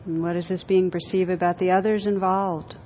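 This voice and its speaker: In a room with a group, a female teacher guides a meditation, then moves into informal discussion, her low-leaning voice level as she speaks gently and slowly, pausing and repeating phrases. The live recording is dull and lo-fi, with a little faint noise.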